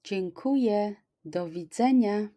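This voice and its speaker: A middle-aged woman teaching language, repeating each phrase slowly and clearly, at home on a webcam. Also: mid-range voice, lively intonation, warm tone. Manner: slow, careful, clearly articulated repetition. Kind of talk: extra slow language lesson, repeating phrases.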